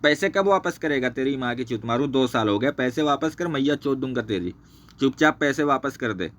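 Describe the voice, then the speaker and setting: In a mid-range, fairly bright voice with lively intonation and a slightly fast pace, a channel host angrily exposes a former associate. During the screen share he swears nonstop, repeats himself, and keeps pointing things out on screen.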